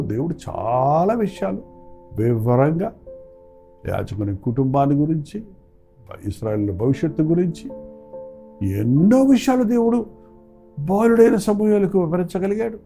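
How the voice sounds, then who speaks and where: A man's voice: fairly high pitch, creaky, dark tone. A man preaching a daily devotional sermon with an emphatic, repetitive cadence, over faint instrumental music. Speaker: pastor.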